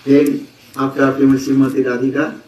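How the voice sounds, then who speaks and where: A man giving a storytelling sermon in simple non-native English, often pausing with a questioning "eh?". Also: mid-range voice, flat delivery, noisy background. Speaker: guru giving a religious discourse. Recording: distant voice, echoey hall.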